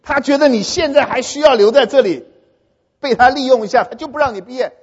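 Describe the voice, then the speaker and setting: A man giving a humorous talk to an audience, animated and often stopping to ask whether his listeners have understood. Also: very high voice, fast, slightly rough. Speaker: speaker addressing an audience. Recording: dull long-reverb hall recording.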